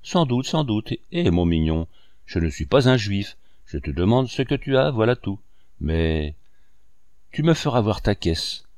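A man's voice: lowish voice, very animated, a little slow, a little mellow, no room sound, studio quality. A man voicing a greedy, mocking male accomplice who blackmails in a sneering, taunting way. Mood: threatening.

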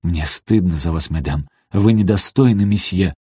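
A man voicing an indignant scolding housekeeper, storybook reading, husky low voice. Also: moderate pace, mellow, no room sound, clean studio sound. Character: angry accusing female housekeeper.

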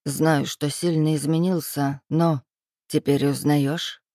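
A woman reading a storybook, voicing a cold, menacing man who purrs low and then barks orders. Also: steady tone, unhurried, darkish tone, dry recording, studio quality. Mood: teasing. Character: cold, menacing man, a powerful boss's right hand.

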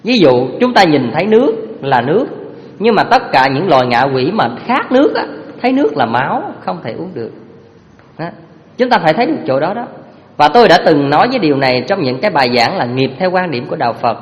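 Lively teacher. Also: male voice, on the high side, fast, muffled recording. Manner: lively, animated storytelling, addresses listeners directly. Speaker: Buddhist Dharma teacher. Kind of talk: storytelling sermon. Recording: reverberant hall.

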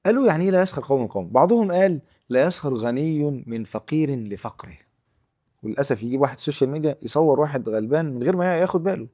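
A man with an Egyptian Arabic accent giving a Quran commentary lecture, emphatic and moving from loud stress to near-murmurs. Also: mid-range voice. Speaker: preacher.

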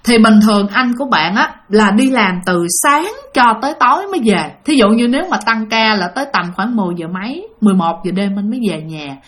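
A woman's voice: mid-range voice, lively intonation, a little fast, few pauses. A woman narrating a ghost story in a casual, chatty way, speaking directly to her listeners.

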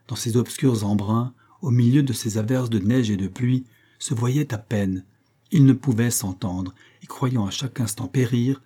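A man narrates an adventure audiobook in a measured, dramatic style. His voice is dark and mellow, with a husky grain, at an ordinary pitch. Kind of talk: scripted narration.

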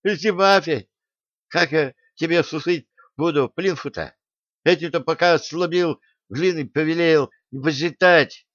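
A man's voice: fairly high pitch, a little slow, fairly bright tone, no echo, voice pushed up. A man voicing a toothless, cheerful old male craftsman with a lisp and folksy rustic speech. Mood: eager chatter. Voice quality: lisping, toothless. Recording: dull dry recording.

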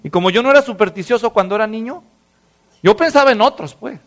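A man preaching a sermon, telling stories with lively acted voices and dropping to hushed, serious tones. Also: high voice, quick pace. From Mexico. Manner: animated storytelling, acts out voices, drops to hushed tones. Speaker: pastor.

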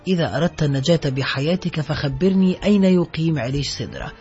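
A man's voice: a little high, sing-song, quick pace, a little mellow. A man voicing a hardened, vengeful male ex-convict in an audiobook, giving curt, menacing commands. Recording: muffled lo-fi recording, faint music.

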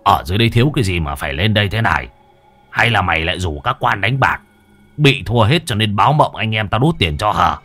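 A man doing a gruff old exorcist. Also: on the low side, expressive, fast, sharp tone, soft background music. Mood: teasing. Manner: coarse, teasing. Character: gruff old male exorcist, teasing and blunt.

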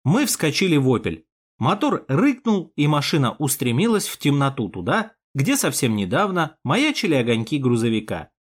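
A man narrating a war story in the first person, expressive and dramatic. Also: a little high, normal speed, few pauses, slightly rough. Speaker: audiobook narrator.

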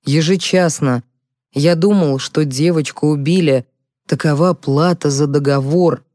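A woman reads a self-justifying, guilt-ridden male psychologist; low, slow, mumbling. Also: warm tone, dry recording, clean studio sound. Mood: defensive. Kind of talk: audiobook character reading.

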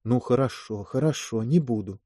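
A man voicing a self-assured woman army medic of about thirty who gently mocks the men around her. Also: medium pitch, big pitch swings, moderate pace, no echo, clean studio sound, close to an everyday voice. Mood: soft.

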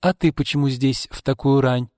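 A man voicing a timid young woman, a nursing student, speaking softly and hesitantly. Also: medium pitch, fairly even intonation, normal speed, no echo, studio quality, voice pushed up, lightly acted.

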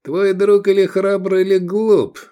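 A man's voice: darkish tone, smooth. A man doing a solemn desert chieftain. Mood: scornful. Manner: slow, solemn, high-pitched oaths.

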